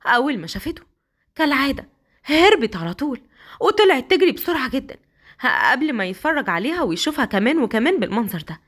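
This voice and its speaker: A woman with an Egyptian accent narrating a romantic story in a quick, lively storytelling manner. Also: high-pitched. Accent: Egyptian Arabic.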